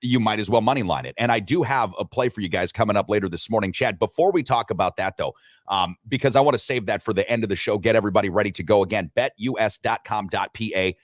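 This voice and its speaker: A man hosting a sports talk show, talking betting lines with animated delivery and frequent restarts. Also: fairly low pitch, fast, dry recording, studio quality. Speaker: sports radio host.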